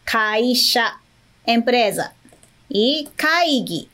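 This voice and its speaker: A woman from Japan with a Japanese accent, a native Japanese speaker, teaching a language lesson, repeating each word slowly and checking in with the listener. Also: a little high, expressive, pushed and bright. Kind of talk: slow, patient Japanese lesson.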